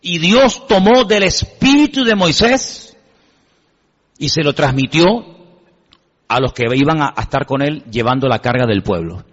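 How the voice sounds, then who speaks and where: A man's voice: a little high, lively intonation, measured pace. A male pastor gives a conversational sermon and keeps putting questions to the congregation. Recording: dull lo-fi audio with long hall reverb.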